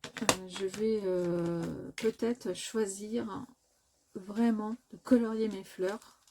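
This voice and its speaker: A woman's voice: medium pitch, steady tone, extremely slow, background noise. A woman hosting a crafting tutorial, talking casually and hesitantly with many filler sounds and self-corrections as she works. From France. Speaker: crafting video host.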